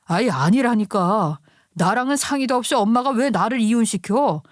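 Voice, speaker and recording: A woman's voice: a little high, expressive, normal speed, dry recording, studio quality, natural voice. A woman voicing a flustered husband who sounds exasperated and pleading. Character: flustered husband caught between wife and mother.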